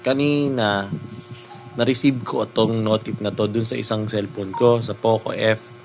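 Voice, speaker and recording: A man chatting casually to his viewers while showing a phone screen, excitable and talkative. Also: lowish voice, moderate pace, faint music behind, poor audio. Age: adult with a child. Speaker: phone reviewer vlogger.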